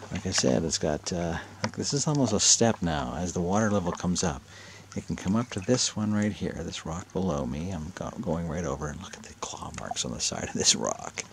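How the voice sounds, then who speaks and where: Man vlogging from a kayak, deep and gravelly, eager, hushed at times, loud splashing water behind. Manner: excited, often drops to a whisper. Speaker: vlogger hunting for a lake monster. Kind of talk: casual first-person narration while paddling. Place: outdoors on a lake by rocky shore, in a kayak. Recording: outdoor camera audio with water and paddle noise. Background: water and paddling sounds.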